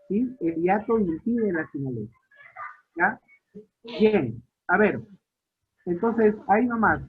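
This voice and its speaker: A man with a high, slightly husky voice teaches an online literature class. He keeps asking his students questions and repeats each key point. The sound is thin and narrow, like a phone line. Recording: tinny phone-like audio line.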